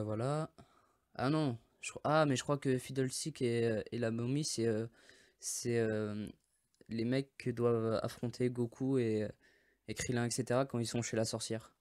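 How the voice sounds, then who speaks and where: A man's voice: medium pitch, a little mellow. A French man casually presenting mobile game characters, rambling with many hesitations and often forgetting names. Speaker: mobile game video host.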